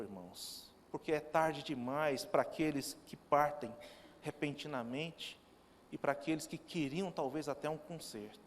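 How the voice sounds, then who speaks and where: A man's voice: a little high, slight background noise. A male pastor giving a sermon in a church, telling stories with quoted dialogue. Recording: long reverb of a church hall.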